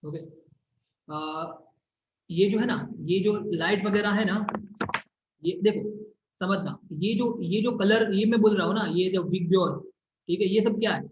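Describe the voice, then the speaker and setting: A man with a high voice teaches a science class, drilling each term by repeating it and asking again and again whether his students understand. The sound is roomy and echoing, and the recording is a little dull and muffled. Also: unhurried, long pauses, slight background noise. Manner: repetitive, keeps checking if students follow; draws on a board while explaining. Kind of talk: classroom physics lesson. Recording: echoey room, slightly dull recording.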